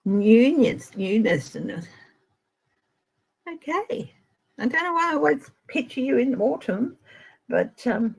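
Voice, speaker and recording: Husky Australian woman reading tarot. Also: a little high, sing-song, slow pace, long pauses, low-quality recording. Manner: gentle, chatty, addresses viewers by name. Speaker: tarot reader. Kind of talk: live-stream tarot reading.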